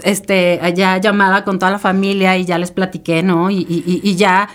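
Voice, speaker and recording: A woman's voice: medium pitch, level tone, normal speed. A woman, a podcast guest telling a personal story in an emotional, rambling way with many fillers and tag questions. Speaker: interview guest.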